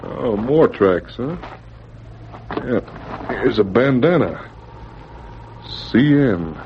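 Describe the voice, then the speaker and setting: A man's voice: mid-range voice, lively intonation. An actor playing a steadfast Mountie sergeant who thinks aloud and talks to his dog in an old-time radio drama. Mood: pondering, resolute. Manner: deliberate, thinking aloud in clipped musings. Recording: muffled, clearly noisy vintage radio recording.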